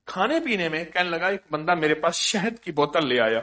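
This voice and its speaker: A man giving a sermon full of anecdotes, repeating phrases for emphasis and swinging from loud stresses to hushed murmurs. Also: fairly high pitch, big pitch swings. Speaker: religious speaker.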